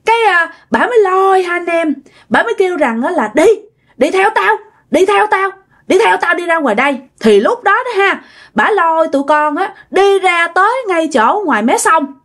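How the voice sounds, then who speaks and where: A woman voicing a frightened five-year-old boy who talks in a high, breathless, pleading way. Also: expressive, normal speed, a bit bright.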